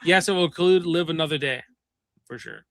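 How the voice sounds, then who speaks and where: A man hosts a casual livestream with a bright, forceful voice pitched a little above the usual. He reads viewer comments aloud with plenty of ums and uhs. The sound is dry and close. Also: a little fast, no echo. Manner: reads chat comments aloud, many fillers. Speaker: livestream host.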